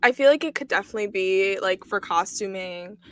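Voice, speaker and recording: A young woman co-hosting a podcast in casual chat, gushing eagerly and agreeing quickly. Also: mid-range voice, a bit bright, a little hiss or hum. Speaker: podcast co-host.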